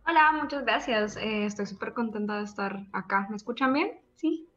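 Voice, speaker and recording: A woman from El Salvador with a Salvadoran Spanish accent, speaking as a panelist on an online panel, lively and full of fillers. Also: mid-range voice, moderate pace, lo-fi sound. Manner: warm, lively, laughs often, many fillers. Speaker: panelist, media co-founder. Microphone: video call.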